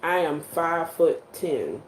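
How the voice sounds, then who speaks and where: A woman's voice: sits low, sing-song, takes it slowly, a little hiss or hum. Young woman, twenties, frank rambling vlogger at home, roomy phone sound. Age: 20s. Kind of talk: casual late-night vlog. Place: home bedroom at night. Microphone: phone held in hand.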